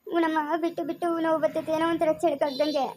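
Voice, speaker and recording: A woman as a tearful young mother in labor; rural Chikkaballapur Kannada accent, high and fast, begging through pain. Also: little pitch movement, a little mellow, a little hiss or hum, lightly acted. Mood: pleading. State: in pain, crying.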